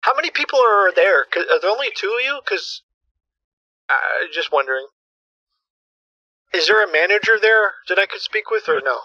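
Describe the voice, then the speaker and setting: A man acts out a naive, confused customer with a high, bright voice. The caller is hesitant and repetitive, heard in slightly dull call audio. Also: animated, moderate pace, pauses often, dry recording, heavily acted. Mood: curious.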